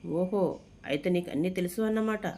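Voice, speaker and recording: A storybook narrator voicing a scheming, mocking older male villain who laughs as he talks, in a dark, mellow voice. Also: mid-range voice, a little fast, close to an everyday voice. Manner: mocking, laughs while talking.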